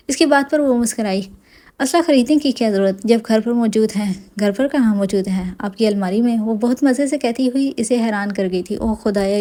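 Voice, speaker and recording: A woman's voice: fairly high pitch, dark tone, close to an everyday voice. A woman reading the lines of a young wife who is lovesick, sulky and playful, in an audiobook. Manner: pouting, emotional.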